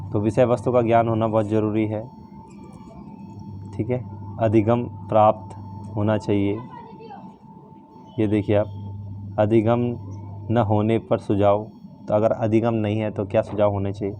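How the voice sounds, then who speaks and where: A man's voice: on the low side, flat delivery, a little slow, long pauses, warm tone, slight background noise. A male teacher walking students through a practical file in a casual, informal way, often checking in with "theek hai". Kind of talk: casual lesson walkthrough.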